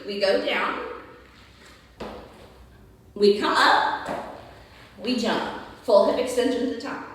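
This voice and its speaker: A woman's voice: on the high side, fairly bright tone, distant mic, slight background noise. A woman fitness coach demonstrating exercises, encouraging and explaining each movement step by step. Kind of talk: workout instruction video. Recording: echoey gym with long reverb.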